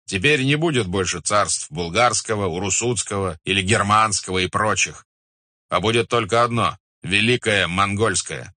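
A man doing a proud khan in an audiobook, speaking slowly and grandly with a deep, low voice. The sound is close and dry. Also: sharp tone, no room sound. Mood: lordly. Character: haughty, amused young male Mongol khan. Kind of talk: audiobook character voice.

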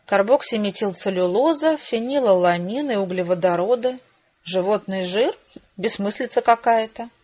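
A woman voicing a wry, unflappable middle-aged father in an audiobook, calm and ironic. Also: mid-range voice, normal speed, muffled recording, lightly acted. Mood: puzzled.

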